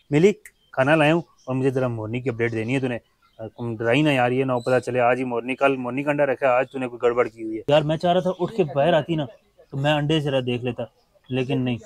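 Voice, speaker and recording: A man chatting casually as he shows his mini zoo, fondly talking to his birds and pets. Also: medium pitch. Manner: chatty, fond, talks to his animals. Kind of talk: casual vlog chat.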